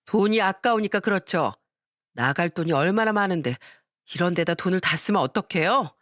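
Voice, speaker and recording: A woman's voice: on the low side, animated, normal speed, fairly bright tone, dry recording, clean studio sound. A woman voicing a harsh, scornful young wife in a storytelling radio drama, with a sneering, snappish manner.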